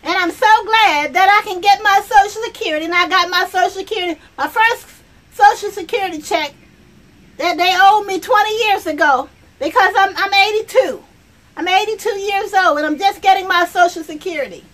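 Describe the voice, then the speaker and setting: Outdoors, a woman plays a chatty, brash 82-year-old in a comic character sketch, rambling in a monologue straight to viewers. Her older character's voice is very high, fairly quick and fairly bright, pushed up.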